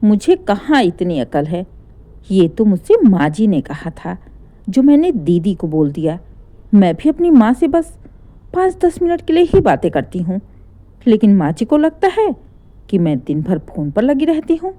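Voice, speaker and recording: A woman's voice: mid-range voice, sing-song, a little slow, mellow. A woman voicing a sly young daughter-in-law who plays innocent, speaking sweetly and pleadingly. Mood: mock-innocent.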